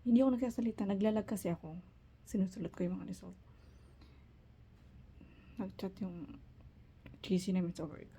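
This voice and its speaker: A woman's voice: medium pitch, fairly even intonation, moderate pace, long pauses, mellow, husky. A woman from the Philippines telling a personal story in a casual vlog, emotional, mixing in English quotes. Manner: emotional retelling, quotes others in English, restarts. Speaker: vlogger.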